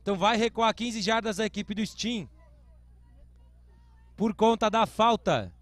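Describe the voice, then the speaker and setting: Brazilian male sports commentator, high voice, clipped explanatory announcer phrasing, dry recording, live American football coverage. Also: unhurried, a bit bright, no room sound.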